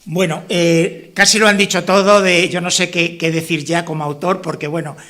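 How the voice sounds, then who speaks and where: Male author from La Mancha, fairly high voice, loose rambling delivery full of restarts and tag questions. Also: little pitch movement, moderate pace, sharp tone. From La Mancha, Spain. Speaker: author presenting his novel. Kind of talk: informal speech at a book presentation.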